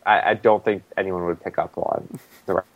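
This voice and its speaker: A man's voice: low-pitched, steady tone, moderate pace, dry recording, highs cut off. A man co-hosting a casual TV recap chat, talking loosely with lots of "like" fillers. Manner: loose and rambling, many "like" fillers. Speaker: podcast co-host.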